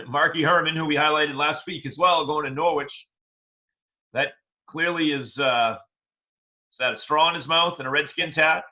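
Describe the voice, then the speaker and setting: A man co-hosting a casual chat show, his bright, sharp voice sitting a touch high. He rambles with stammered restarts, and the sound is dull and lo-fi. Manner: rambling, halting with repeated restarts. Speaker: co-host.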